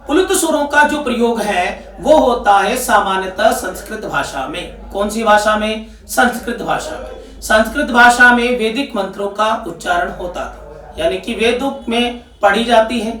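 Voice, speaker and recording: A man's voice: extremely high pitch, fairly bright tone. A man teaching an exam-prep Hindi grammar lesson with a Rajasthani Hindi accent. He keeps asking questions and answering them himself. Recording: echoey room, voice picked up from a distance.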